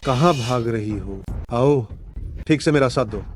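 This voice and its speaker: A man's voice: mid-range voice, a little slow, soft background music, lightly acted. An actor dubbing a sleazy, taunting man who leers at a young woman. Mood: leering. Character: leering drunk male lecher at a party. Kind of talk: dubbed drama dialogue.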